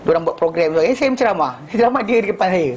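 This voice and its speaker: A man teaching an informal religious class, telling animated stories and acting out dialogue, with many restarts and English phrases mixed in. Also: high voice, very fast, slight background noise.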